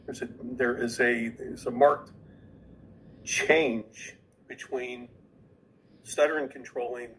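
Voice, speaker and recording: A man's voice: mid-range voice, little pitch movement, slow pace, pauses often, a bit bright, a little hiss or hum, low-quality recording. A man who is a podcast guest, earnestly explaining an idea and often repeating words as he goes.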